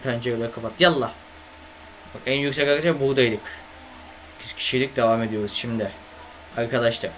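A young gaming streamer talks to chat from a home setup with a desk mic, casual with viewers and swearing and grumbling at his computer. His steady mid-range voice is fast and a bit bright, broken by long pauses, with slight background noise.

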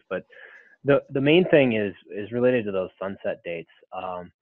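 A man's voice: on the low side, no room sound. A man answering audience questions in a webinar, explaining at length with frequent ums and restarts. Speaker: webinar panelist. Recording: phone-like dry line.

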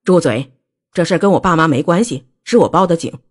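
A woman voicing a young husband who speaks coldly and firmly in a lowered voice. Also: normal speed, a little mellow, breathy edge. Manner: cold, clipped, firm. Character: stern young husband, cold and firm.

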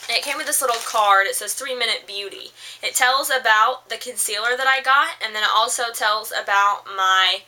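A young woman rambling through a casual makeup haul review, full of fillers and restarts, her voice a little hoarse from allergies. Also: a little high, bright, forceful tone, a little hiss or hum, low-quality recording. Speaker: beauty vlogger.

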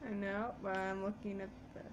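A woman's voice: mid-range voice, little pitch movement, brisk, lo-fi sound, a little hiss or hum. A young woman playing a game for the first time and chatting casually, flustered and confused, with mild swearing and defensive retorts. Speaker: gaming channel co-host playing the game. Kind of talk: casual gaming chat.

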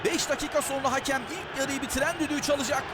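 A man doing excited, dramatic football play-by-play commentary, shouting emphatically and screaming at big moments. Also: extremely high pitch, very fast. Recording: very loud noise behind the voice.

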